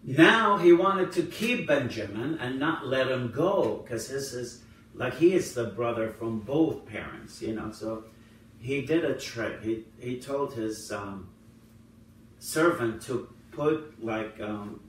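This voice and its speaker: Slow-talking priest guy, assyrian first language, retelling bible stories in a big echoey church hall. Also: mid-range voice, animated, fairly bright tone. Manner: retells scenes, acting out quoted lines with rising emphasis. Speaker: priest teaching Bible study. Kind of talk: informal Bible study teaching. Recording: very echoey room, voice from far off, faint noise.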